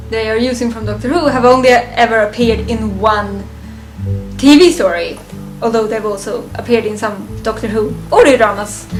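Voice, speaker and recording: A woman with a fairly high voice gives a casual, unscripted fan review of a ranked list, halting, thinking aloud, and often chuckling. The audio quality is poor.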